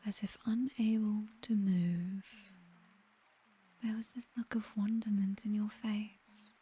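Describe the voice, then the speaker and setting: Whispering darkly and very breathily, a woman portrays a British vampire mistress in an ASMR roleplay, her mid-range voice unhurried and hypnotic. She's commanding and possessive with a teasing edge, but gentle and slow as she coaxes the listener.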